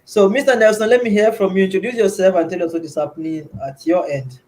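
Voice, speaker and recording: Man from Nigeria, host on a video call, fairly high voice, earnest, repeats himself, faint noise behind. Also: fairly even intonation, fast talker, darkish tone, rough recording. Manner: earnest, repeats words, many fillers. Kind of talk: online community call.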